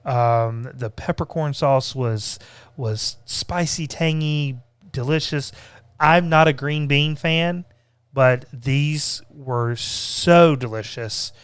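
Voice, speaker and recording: A man's voice: mid-range voice, takes it slowly, clean tone, dry recording. A man co-hosting a casual, conversational food review, often repeating words as he feels his way through a sentence. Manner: hesitant, repeats words as he goes. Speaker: co-host reviewing theme park restaurants.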